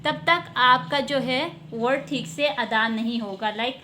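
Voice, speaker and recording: High-voiced woman teaching slow tajweed lessons. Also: pushed and bright, slight background noise. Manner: explains patiently, models slow drawn-out letter sounds. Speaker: Quran recitation teacher.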